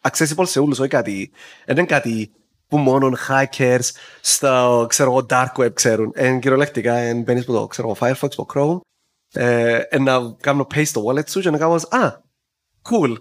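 A man with a Cypriot Greek accent explaining things in a casual conversation, dropping English terms into his informal speech. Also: medium pitch. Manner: mixes English tech terms into informal Greek, acts out small examples.

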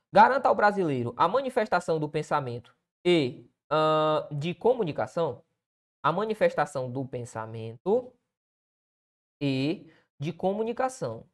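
A man's voice: a little high, very animated, normal speed. A man with a Brazilian Portuguese accent, a writing teacher correcting a student essay aloud, who keeps checking in with the listener and pointing things out on the page.

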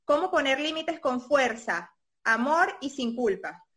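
A high, bright-sounding woman hosts a live stream. She chats casually and reads out the viewers' comments and questions for her guest. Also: lively intonation, unhurried.

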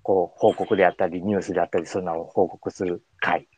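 A man's voice: sits low, little pitch movement, fast, darkish tone, breathy edge, no echo. A man with a Kansai accent hosting a radio show in casual, colloquial chat. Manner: informal, colloquial.

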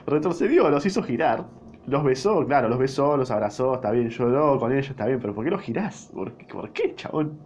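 A man's voice: medium pitch, lively intonation, a little fast, darkish tone, muffled recording, a little hiss or hum. A young man with a Rioplatense accent reading a novel aloud, breaking off often for crude, swearing jokes and bursts of laughter. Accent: Rioplatense Spanish. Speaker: reader.

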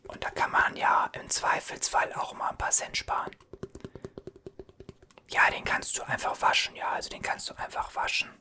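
A man's voice: moderate pace, lightly acted. A man whispering as a chatty, soothing gas station cashier in an ASMR roleplay, reassuring and rambling.

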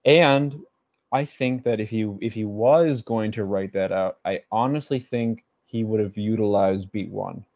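A podcast co-host talks music theory casually, working things out aloud with hedges and restarts; his voice is fairly low and darkish, his pace measured. The audio is dry and muffled.

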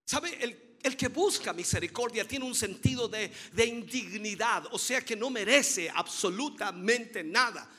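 A man's voice: high-pitched, lively intonation, unhurried, hardly any pauses, bright, forceful tone, slightly rough. A man preaching a sermon with fervent, emphatic delivery, building repeated phrases and calling listeners dear brother. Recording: long hall reverb.

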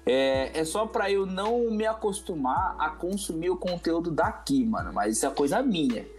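A man from Mato Grosso do Sul talking as a podcast guest, relaxed and rambling, repeating phrases and dropping in slang. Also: a little high, moderate pace, faint music behind. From Mato Grosso do Sul, Brazil. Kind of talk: casual podcast interview.

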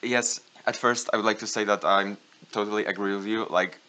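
A young man with a Polish accent co-hosts a casual podcast. His voice is deep, bright and clean in tone. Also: steady tone, fairly quick, clear, resonant tone. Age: young adult. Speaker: podcast co-host.

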